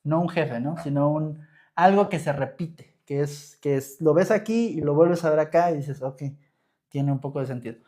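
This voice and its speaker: A young Mexican man with a slightly high voice teaches English grammar on a live stream in Mexican Spanish. He talks in a relaxed, chatty way, answers viewers' comments and keeps checking in with "¿ok?". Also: normal speed.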